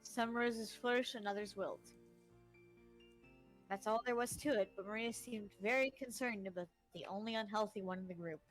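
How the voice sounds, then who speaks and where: A woman's voice: medium pitch, moderate pace, faint music behind, poor audio. A woman co-hosting a let's-play, reading visual novel narration aloud with a wry, slightly impatient manner.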